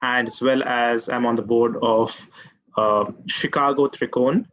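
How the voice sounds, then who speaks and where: Man from India, slow hesitant speech, muffled video call sound. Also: medium pitch, steady tone, a bit bright. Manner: hesitant, many uhs. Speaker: guest, community outreach worker.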